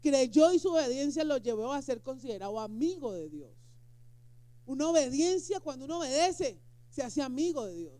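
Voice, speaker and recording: A woman's voice: high-pitched, sing-song, moderate pace, mellow, dry recording. A woman pastor preaching a sermon, emphatic and firing rhetorical questions at the congregation. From Colombia.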